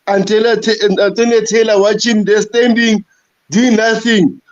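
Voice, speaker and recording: A man speaking as a guest on a football live stream, frustrated and halting, repeating and stumbling over his words. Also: high voice, level tone, lo-fi sound. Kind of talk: casual football rant.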